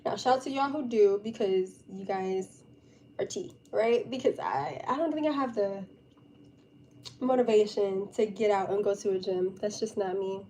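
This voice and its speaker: Young woman, mellow relaxed tone, chatty and giggly, informal livestream talk, faint noise behind. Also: mid-range voice, moderate pace, low-quality recording. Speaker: live streamer. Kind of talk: casual live chat with viewers. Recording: steady background noise.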